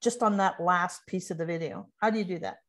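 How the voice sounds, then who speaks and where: A woman's voice: lowish voice, fairly quick, fairly bright tone. A woman taking part in a workshop over a video call, asking careful, curious questions. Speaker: workshop participant.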